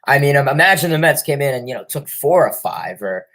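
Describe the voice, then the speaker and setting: Hosting a casual sports livestream while fighting a cold, a young man sniffles, reads out viewer comments and rambles, full of fillers and restarts. He sounds animated, medium in pitch with a fairly bright tone, and speaks a little fast.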